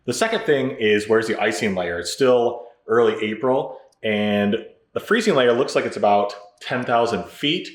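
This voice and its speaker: A man's voice: medium pitch, expressive, normal speed. An American man narrating a casual video blog in an informal, thinking-aloud way. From Michigan, United States. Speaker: pilot video blogger. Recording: roomy echo, faint music behind.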